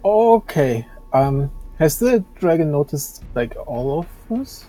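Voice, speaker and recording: Mellow-voiced man playing a tabletop game. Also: fairly high pitch, sing-song, takes it slowly, low-quality recording. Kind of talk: casual game chat.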